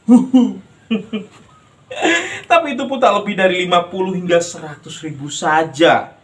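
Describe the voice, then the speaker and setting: An actor playing a bitter, sardonic working man, declaiming in a grandiose theatrical monologue with drawn-out phrases. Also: a little high, a little hiss or hum. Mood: grandiose ranting. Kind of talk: theatrical monologue, stage acting.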